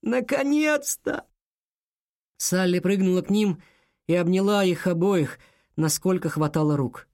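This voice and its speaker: A man narrating a children's adventure audiobook in a measured storytelling delivery. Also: high voice, fairly even intonation, darkish tone, dry recording, studio quality.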